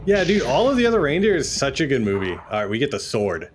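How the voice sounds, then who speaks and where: A man's voice: medium pitch, wildly swooping pitch, fast talker. A young man giving casual, laid-back commentary while streaming a video game, chatting and swearing freely. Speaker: gaming streamer. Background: game music.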